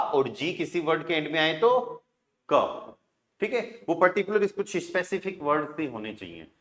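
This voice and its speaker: A Hindi-speaking man teaching German pronunciation rules in a classroom lesson, spelling words letter by letter, sounding them out slowly and often asking "right?" and "okay?". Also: a little high, a bit bright.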